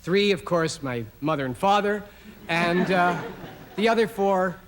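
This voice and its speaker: A man hosting a TV show, introducing the next act in a relaxed, hesitant way. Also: high-pitched, unhurried. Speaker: show host. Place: TV studio stage.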